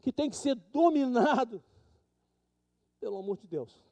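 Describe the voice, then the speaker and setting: Brazilian guy preaching in church, kinda high voice, really dark mellow tone, acts out every quote big. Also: animated, unhurried. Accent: Brazilian Portuguese. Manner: dramatic, acts out quoted people with big pitch swings. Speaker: pastor. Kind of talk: sermon. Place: church sanctuary.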